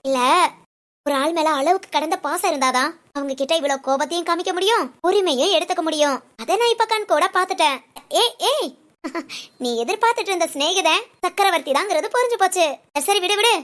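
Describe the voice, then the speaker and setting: A woman's voice: very high-pitched, fast talker, fairly bright tone. A woman doing a teasing, chatty ashram friend. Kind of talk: audio story dialogue.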